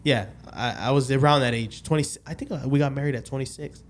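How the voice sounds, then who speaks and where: On a casual podcast, a man in his late twenties tells a personal story in a rambling way, frequently restarting and losing track of dates. His mid-range voice is fairly even in intonation and fast, and a little hiss or hum is audible.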